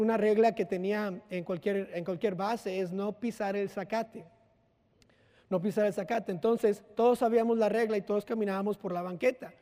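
A man preaches in a loose, conversational way, weaving in personal anecdotes and little acted-out lines. His voice sits high for a man. A long hall reverb trails each phrase. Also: dark tone. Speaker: pastor. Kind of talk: sermon.

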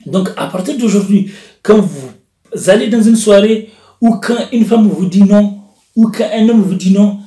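A man giving a self-help coaching talk as a therapist, with repetitive, deliberate phrasing. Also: sits high, warm tone. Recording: roomy echo.

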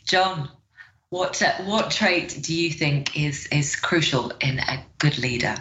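A woman's voice: low voice, takes it slowly, fairly bright tone, a little hiss or hum. A woman hosting an interview in a polite, appreciative way. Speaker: host. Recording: dull lo-fi audio.

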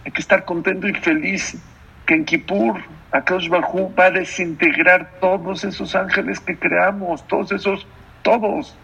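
This rabbi's high voice is gravelly, pushed and bright with a slight roughness, kept at a moderate pace with fairly even intonation. Preaching emphatically, he repeats phrases and questions his audience, and the lo-fi recording is dull.

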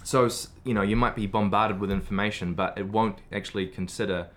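A man's voice: on the low side, fairly even intonation, brisk, a bit bright. A man speaking as a guest in a casual podcast conversation about medical research, thoughtful and full of "you know" fillers.

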